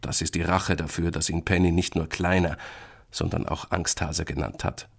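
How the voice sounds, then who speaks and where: A man narrating a children's audiobook in an expressive storytelling manner. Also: deep voice, normal speed, creaky, breathy edge.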